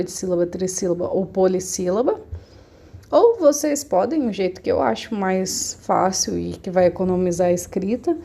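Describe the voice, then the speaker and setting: A woman's voice: medium pitch, creaky, dark tone. A woman teaching a remote class, explaining patiently and often checking that her students follow.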